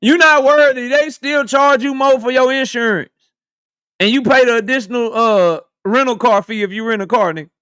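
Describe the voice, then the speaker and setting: High, smooth-voiced man roasting his chat. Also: moderate pace, a bit bright, no room sound, studio quality. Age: 30s. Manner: joking, roasting chat members, laughs often. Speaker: live stream host. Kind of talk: casual live stream chat with viewers.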